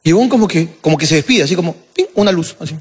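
A young man telling a story in casual chat, profane and animated, acting out scenes. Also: on the high side, rapid-fire, breathy edge. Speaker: podcast co-host telling a story.

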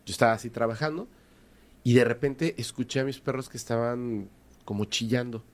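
A man with a Mexican accent telling a story in casual conversation, animated and hesitant, repeating words for emphasis. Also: medium pitch, brisk.

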